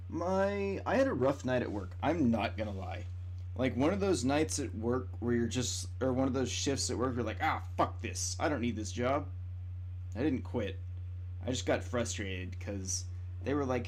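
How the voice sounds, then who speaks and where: A man's voice: mid-range voice, darkish tone, a little hiss or hum. A man casually chatting with his live-stream viewers while building a model, swearing now and then. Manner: chatty and profane, talks to chat while working. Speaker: livestreamer building a model kit.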